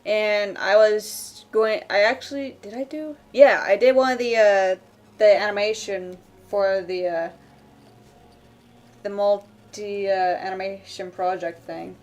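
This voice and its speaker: A woman streamer chatting casually while she draws, rambling with many fillers and quick laughs. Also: mid-range voice, fairly even intonation, a little mellow. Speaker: streamer drawing live. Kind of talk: casual chat while drawing. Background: faint background music.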